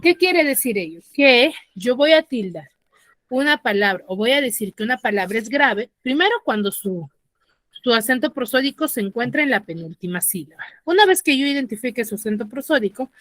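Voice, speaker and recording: A woman's voice: a little high, lively intonation, brisk, fairly bright tone, dry recording. A woman teaching an online class, explaining step by step and checking in with her students. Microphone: computer mic on a video call.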